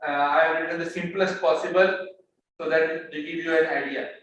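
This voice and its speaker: Guy teaching econ in a classroom, kinda high voice, repeats words a lot, faint hum behind. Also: steady tone, fairly bright tone. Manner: explanatory, halting with repeated words and pauses; mixes English with Hindi-Urdu phrases. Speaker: economics lecturer. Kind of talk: classroom lecture. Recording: very echoey room, mic far off, faint background noise.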